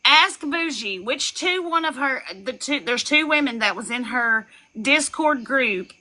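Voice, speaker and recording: A young woman on a live stream, ranting and gossiping in a loud, profane way, with laughs and shouted lines. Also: sits high, expressive, measured pace, poor audio. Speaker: livestreamer. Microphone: phone.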